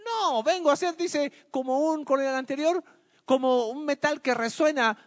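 A man's voice: very high voice, moderate pace, big-room sound. A man teaching a Bible study lesson. He asks his listeners questions, answers them himself and explains with everyday examples.

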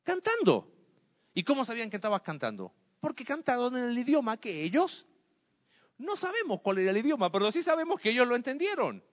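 A man's voice: very high-pitched, huge pitch swings, fairly quick, in a large hall. A man teaching a Bible study lesson. He asks his listeners questions, answers them himself and explains with everyday examples.

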